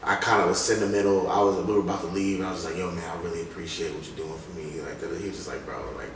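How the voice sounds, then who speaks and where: Racing along in a deep voice with fairly even intonation, a man interviewed as a rap artist casually spins stories. Slang, quotes from others and frequent "like" and "you know" fill his speech, while the recording is noisy, distant and very echoey.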